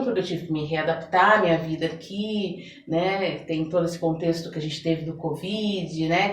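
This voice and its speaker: A lowish-voiced Brazilian woman from São Paulo, a mentor guest on an interview podcast, recounts personal stories in a chatty way, often ending with tag questions. The mic is distant in an echoey room, with slight background noise.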